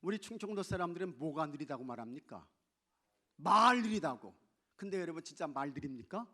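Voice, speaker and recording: A man preaching a sermon as pastor, shifting from loud exclamations to hushed asides and playfully mimicking regional dialects. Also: on the high side, lively intonation, fast. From not from Chungcheong. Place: church sanctuary.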